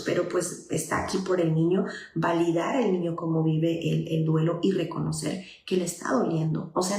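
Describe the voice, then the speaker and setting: A woman child psychologist, giving parents patient guidance and acting out gentle talks with children. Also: fairly low pitch, reverberant, slight background noise. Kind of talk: informal live talk to parents.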